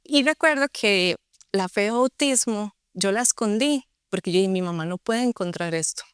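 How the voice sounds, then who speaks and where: A woman's voice: medium pitch, expressive, normal speed, clean tone, dry recording, clean studio sound. A young woman with a Costa Rican accent, earnestly telling her personal story as an interview guest. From Costa Rica. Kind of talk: personal testimony.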